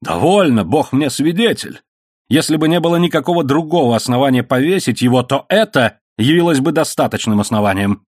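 A man reading an audiobook voices an indignant middle-aged knight who is quick to anger, with raised, forceful outbursts. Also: medium pitch, no room sound, clean studio sound, pitched above the performer's own voice, close to an everyday voice.

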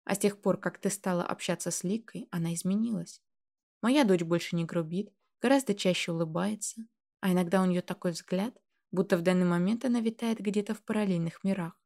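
A woman reading the lines of a thoughtful grown man, a father, speaking calmly and with curiosity. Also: on the low side, fairly quick, gravelly. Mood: wondering.

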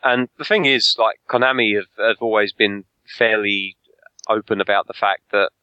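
A man's voice: lowish voice, fairly even intonation, normal speed, pushed and bright, smooth, dry recording, muffled recording. A man co-hosting a casual podcast chat, jokey and hesitant, with lots of ums and restarts. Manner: hesitant, many fillers, jokey. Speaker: podcast co-host.

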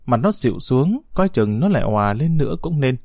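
A man's voice: mid-range voice, very animated, a little fast, vocal fry, a little mellow, dry recording, studio quality. A man narrating a story as an audiobook, expressively voicing the characters.

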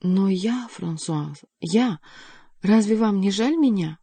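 A woman's voice: medium pitch, expressive, takes it slowly, warm tone, husky, dry recording, exaggerated voice. A woman reading the part of a scheming aging queen mother who pleads in a honeyed, imploring tone. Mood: pleading.

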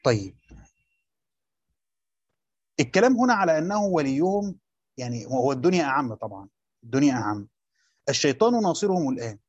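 A man's voice: mid-range voice, sing-song, a little fast, long pauses, slightly rough, no echo. A man teaching a line-by-line commentary, repeating key phrases and answering his own questions. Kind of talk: explaining a text line by line. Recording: dry, dull lo-fi recording.

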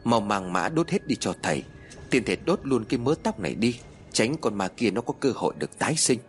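A man's voice: fairly low pitch, sing-song, a little fast, slight background noise. A man voicing a stern, arrogant old male exorcist who scolds and gives orders in a storybook tale. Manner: commanding, scolding.

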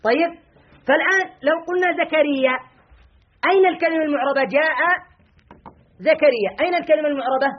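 A male teacher leading a classroom lesson, firing quick questions at his students and scolding them bluntly. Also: very high voice, lo-fi sound. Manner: drills students with rapid quiz questions.

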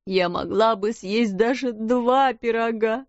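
Tearful hungry servant girl, high and pleading , voiced by a woman; muffled storybook audio. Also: slow pace, dry recording.

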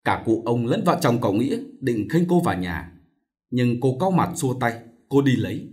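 Expressive male audiobook narrator. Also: mid-range voice, normal speed. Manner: vivid, expressive reading. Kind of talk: dramatic novel narration.

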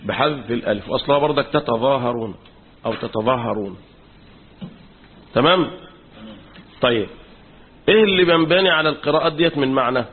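Husky Egyptian sheikh quizzing his class. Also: medium pitch. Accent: Egyptian Arabic. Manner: quizzes the class with fill-in questions. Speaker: sheikh teaching Quran commentary. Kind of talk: classroom lecture. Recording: tinny phone-like recording.

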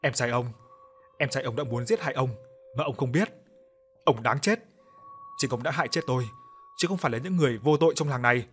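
A male reader gives voice to the spirit of a dead boy who has taken over a woman's body. He speaks with hatred, accusing and condemning those around him. The tone is a touch higher and louder than plain narration. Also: lively intonation, fast talker, long pauses, slight background noise, natural voice. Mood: vengeful. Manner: hateful, accusing. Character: vengeful dead boy's spirit possessing a woman.

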